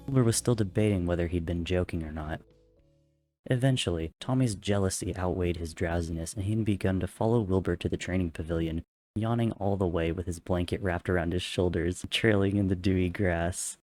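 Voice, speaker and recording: A man with a deep, low voice reads a story aloud as a dramatic narrator. Faint music plays behind him. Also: brisk, darkish tone. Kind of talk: dramatic reading of narrative fiction.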